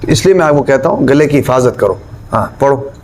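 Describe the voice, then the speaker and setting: A man's voice: medium pitch, expressive, a little fast, darkish tone, slight background noise. A man teaching Quran recitation, firmly correcting mistakes and demonstrating each sound himself. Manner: counts out mistakes, scolds about practice.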